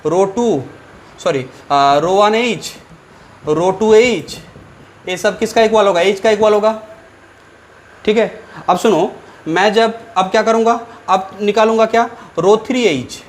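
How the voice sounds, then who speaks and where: High-voiced man teaching maths. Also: measured pace. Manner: repetitive, asks students questions, thinks aloud with fillers. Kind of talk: whiteboard lecture.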